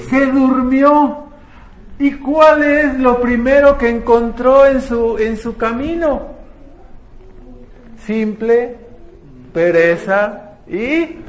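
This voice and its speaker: High-voiced preacher, echoey room. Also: male voice, slight background noise. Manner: conversational, asks the congregation rhetorical questions. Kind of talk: sermon. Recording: echoey room, faint ambience.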